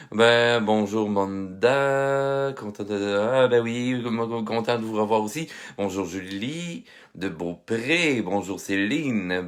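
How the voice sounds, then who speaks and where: A man with a Québécois accent, a little stuffy from a head cold, chatting through a casual live art tutorial and greeting viewers by name. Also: fairly low pitch. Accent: Québécois French. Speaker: art instructor hosting a live stream. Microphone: phone.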